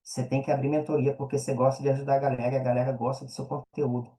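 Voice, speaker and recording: A Brazilian Portuguese-accented man, the guest in a casual interview, races through his answers in a medium-pitched, dark voice with a level tone. He works as an affiliate marketer and mentor, and his speech is slangy with frequent check-in tags. The recording is rough.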